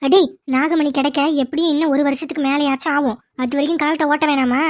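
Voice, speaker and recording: Woman voicing a scheming cartoon mother-in-law, greedy, bossy, scolding, high-pitched, fast-talking. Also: fairly even intonation, natural voice. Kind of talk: cartoon voice acting.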